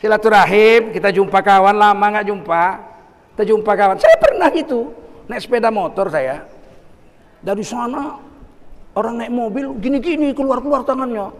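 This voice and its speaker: A man giving a humorous sermon, telling stories and bursting into emphatic shouts. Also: sits high, animated, normal speed, in a large hall. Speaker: Islamic preacher.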